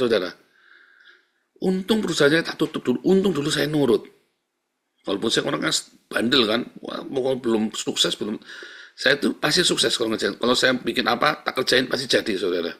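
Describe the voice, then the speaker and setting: Gravelly middle-aged preacher. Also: male voice, mid-range voice. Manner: emphatic, keeps calling out to the congregation; swings from soft murmurs to loud exclaiming. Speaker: pastor. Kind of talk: sermon.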